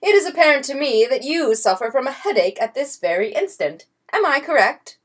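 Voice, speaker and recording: A woman's voice: sits high, sing-song, a little fast, pitched above the performer's own voice. A woman reading a storybook voices a blustering, pompous swindler count who barks commands. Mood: smooth-talking. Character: blustering swindler count, grown man, bold. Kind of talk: audiobook character voice.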